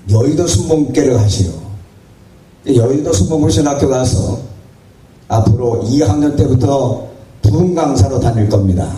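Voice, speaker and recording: A man delivering a sermon in a deep, mellow, dark tone, telling his story with emphatic, dramatic preaching. He is recorded in a reverberant church hall, set back from the microphone. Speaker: pastor. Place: church or prayer house hall. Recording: roomy hall audio, distant mic.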